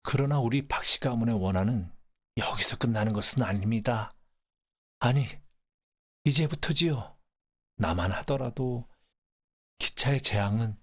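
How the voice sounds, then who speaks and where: A man reading a short story aloud as an audiobook narrator, measured and even. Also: medium pitch. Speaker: audiobook reader.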